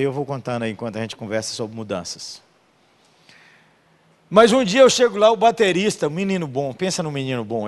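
An older man, preaching a storytelling sermon as a pastor, emotional, swinging between loud bursts and soft murmurs. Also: mid-range voice.

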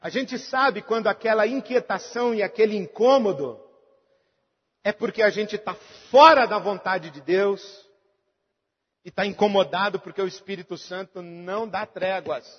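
High husky-voiced preacher in a hall. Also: male voice, normal speed. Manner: earnest, swings between emphatic and hushed. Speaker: pastor. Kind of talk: sermon. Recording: reverberant hall, dull lo-fi sound.

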